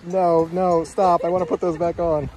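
Man, hiking vlogger, slightly high voice, casual outdoor narration on a handheld camera. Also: level tone, normal speed, darkish tone, slight background noise. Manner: chatty, playfully scolding animals. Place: outdoors on an alpine pasture and trail.

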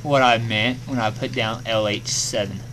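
A man's voice: fairly low pitch, moderate pace. Joking man muttering over background noise. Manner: joking, muttering while reading notes. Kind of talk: casual home chat. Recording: home recording with steady background noise.

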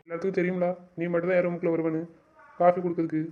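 A man's voice: high voice, completely flat delivery, very fast. A man in a romantic audio drama, scolding and teasing his partner in a bossy way. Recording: dull lo-fi recording.

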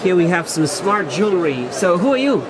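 At a booth in an indoor exhibition hall, a man working as a video interviewer fires off casual, on-the-spot product questions in clipped, simplified English. His high voice is very animated and a little fast, caught roughly by an on-camera mic behind the camera amid busy trade show crowd noise.

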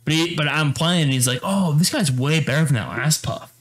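Young man, podcast co-host, casual storytelling, animated, slightly high voice, repeats words. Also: fairly quick.

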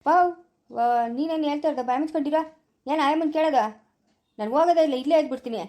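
A woman's voice: high voice, rapid-fire, warm tone, lightly acted. A woman playing a stubborn young male farmer and father in a rural family drama. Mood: defiant.

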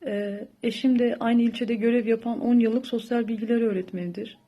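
A young adult woman from Turkey gives a personal testimony as a plea, speaking earnestly and haltingly. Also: fairly high pitch, fairly even intonation, dark tone. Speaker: teacher making a public appeal. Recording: dull lo-fi audio.

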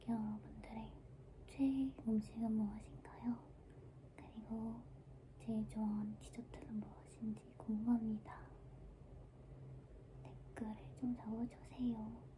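A young woman chats in a breathy ASMR whisper, held close to the mic. Her delivery is very slow and drifting, with little rise or fall. The tone is extremely soft and dark, as she gently muses aloud. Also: on the high side, slight background noise. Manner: unhurried, drifting, gentle musing. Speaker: ASMR creator. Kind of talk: whispered ASMR casual chat. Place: small room indoors, lying down. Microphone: handheld microphone held close to the mouth.

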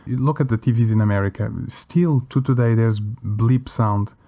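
A man's voice: mid-range voice, normal speed, mellow. A man co-hosting a podcast, a non-native speaker whose first language is Portuguese, arguing his views in an opinionated, free-flowing way. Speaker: podcast co-host. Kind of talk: casual chat.

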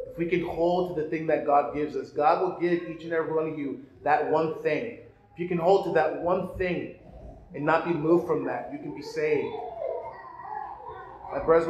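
A man's voice: a little high, slight background noise. A male priest giving a sermon, preaching earnestly with rhetorical questions and repeated phrases. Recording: echoey church room, faint ambience.

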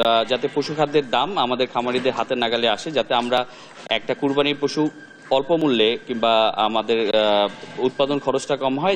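A man's voice: medium pitch, slight background noise. A male farm owner answering a reporter at his cattle shed, earnest, with some filler sounds. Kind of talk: news interview answer.

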